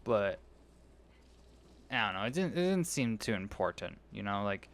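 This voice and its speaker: A man's voice: lowish voice, big pitch swings, normal speed, fairly bright tone. A young man giving rambling, casual commentary while playing a video game, often losing his train of thought. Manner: rambling, meandering, self-interrupting. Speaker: gaming video creator.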